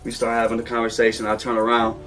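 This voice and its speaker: Male guest, casual animated storyteller, mid-range voice. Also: mid-range voice, quick pace.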